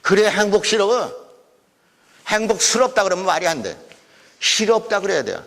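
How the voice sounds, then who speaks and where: A man's voice: high voice, sing-song, moderate pace, gravelly, a bit bright. A man giving an invited lecture in a museum hall, emphatic and full of rhetorical questions. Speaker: guest lecturer. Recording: long hall reverb.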